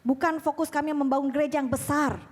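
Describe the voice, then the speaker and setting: A woman interpreting a sermon live in a church hall, speaking briskly to keep up with the preacher. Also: high-pitched, steady tone. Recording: reverberant hall.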